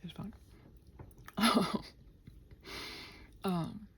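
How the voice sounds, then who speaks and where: A woman with a mid-range, slightly rough voice speaks extremely slowly, rambling casually to herself in body-doubling ASMR style, scattered and muttering and often drifting toward a whisper. She's a channel host talking while she works, playfully addressing her computer and quoting imagined exchanges.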